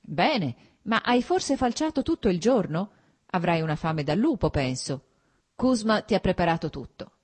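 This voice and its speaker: A woman's voice: fairly low pitch, sing-song, moderate pace, a little mellow, husky. A woman doing a fussy, refined older brother. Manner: fussy, exclamatory.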